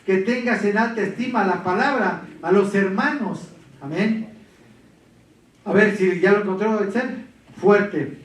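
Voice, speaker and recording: A man's voice: high-pitched, measured pace. A man preaching a Sunday sermon, pleading with his listeners and tagging his points with a questioning "right?". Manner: repeats "¿verdad?" often, pleading and exhorting. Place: church hall. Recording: echoey church from far off.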